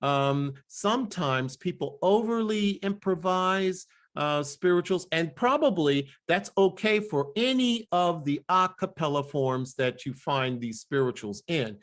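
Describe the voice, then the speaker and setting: American man teaching singers, fairly high voice. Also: lively intonation, unhurried, hardly any pauses, fairly bright tone. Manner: demonstrates sounds and sings short phrases, many fillers. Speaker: voice teacher leading a workshop. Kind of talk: lecture with sung and spoken examples.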